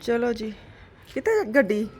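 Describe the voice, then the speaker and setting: A woman's voice: a little high, very animated, measured pace. A woman with a Punjabi accent chatting casually as a vlogger, in an exclaiming, chiding and teasing manner. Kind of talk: casual chat. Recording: noisy car and outdoor ambience. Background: vehicle and street noise.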